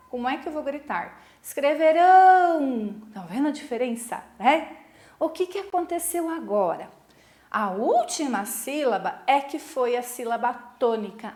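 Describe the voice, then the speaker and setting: A Brazilian woman teaches a recorded lesson to young students in a patient, step-by-step way. Her voice sits fairly high, and the room adds a clear echo. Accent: Brazilian Portuguese. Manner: patient, instructive, frequent tag questions. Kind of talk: recorded online lesson for sixth graders.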